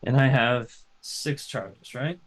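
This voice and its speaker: A man playing a tabletop game, explaining his moves in a halting way with frequent restarts. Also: medium pitch, fairly bright tone, rough recording. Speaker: player. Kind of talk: casual tabletop game talk.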